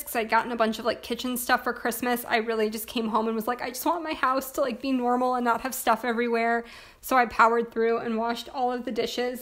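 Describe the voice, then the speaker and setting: A young woman in casual chat about her planner, hoarse from losing her voice, talking in a chatty way with lots of filler words. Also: on the high side, fairly bright tone. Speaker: planner vlogger.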